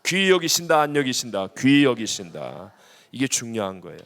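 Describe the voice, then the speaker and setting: A middle-aged man preaching a sermon as senior pastor, lively and acting out prayers, with swings between loud and hushed. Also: medium pitch, a little fast. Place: large church sanctuary. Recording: long hall reverb.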